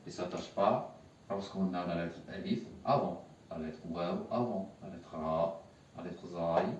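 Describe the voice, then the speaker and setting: A man's voice: on the low side, mellow, recorded from a distance, slight background noise. Patient male teacher in an echoey room. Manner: patient, repeats words and has learners repeat. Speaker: Arabic teacher. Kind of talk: classroom lesson at a whiteboard.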